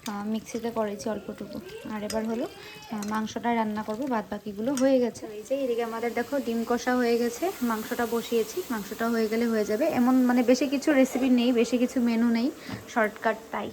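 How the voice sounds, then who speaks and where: A woman's voice: on the high side, level tone, quick pace, darkish tone. A woman with a Bengali accent giving chatty, teasing running commentary as she cooks at home and films a vlog. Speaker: vlogger. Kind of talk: casual vlog narration while cooking. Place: home kitchen and outdoor yard.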